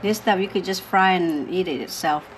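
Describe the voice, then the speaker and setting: A woman who cooked the meal, explaining and serving it at home in an unhurried, casual way. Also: fairly low pitch. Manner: unhurried, explaining as she serves. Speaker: cook. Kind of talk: casual cooking talk. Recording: home video with clear background noise.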